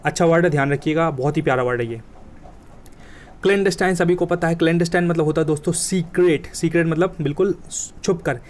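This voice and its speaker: Fast-talking vocabulary teacher, man. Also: a little high. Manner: colloquial, joking, emphatic with vivid examples. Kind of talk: exam coaching lesson.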